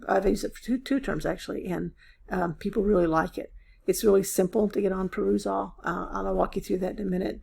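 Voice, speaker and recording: A woman's voice: mid-range voice, darkish tone. A woman instructor losing her voice, giving a casual, filler-heavy walkthrough of her course site. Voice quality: gravelly, husky.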